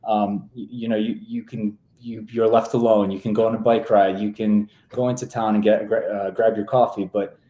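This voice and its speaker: Dark-voiced man in his twenties from Serbia. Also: lowish voice, moderate pace, few pauses, echoey room. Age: 20s. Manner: relaxed, easygoing, with frequent fillers and restarts. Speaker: guest real estate agent. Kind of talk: casual interview talk.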